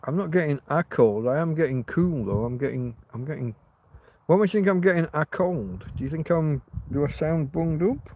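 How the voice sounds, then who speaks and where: Speaking at an ordinary pace, a man with a fairly high, slightly mellow voice rambles to his stream audience. He restarts his sentences often and coughs lightly, as if his throat tickles.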